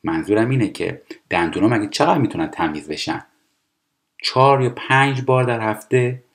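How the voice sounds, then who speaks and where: Low-voiced man teaching English. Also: expressive. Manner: explanatory, reads English lines slowly and carefully. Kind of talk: language lesson explaining TV dialogue.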